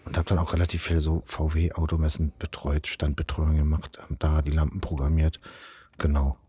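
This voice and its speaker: A man's voice: rumbling low, flat delivery, normal speed, warm tone, husky, no room sound. A man from eastern Germany answering interview questions casually, rambling with many fillers and restarts. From East Germany. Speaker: project manager in event lighting.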